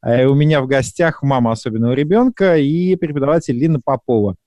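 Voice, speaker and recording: Mellow-voiced hesitant male host. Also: mid-range voice, no room sound. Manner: hesitant, many drawn-out fillers. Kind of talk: hosting a live broadcast talk show.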